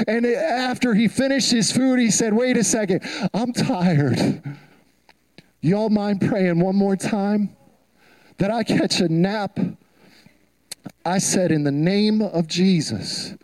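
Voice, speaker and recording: A man's voice: high-pitched, a little mellow, poor audio. A man preaching a sermon, telling a story with emphatic repetition. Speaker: pastor.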